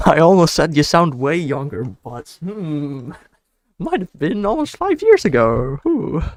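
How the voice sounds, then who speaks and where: This man from the Netherlands takes his time, speaking slowly yet very animatedly in a slightly high voice, captured in a dry recording. He has a Dutch accent and rambles casually on a live stream, running himself down and restarting his thoughts as he goes.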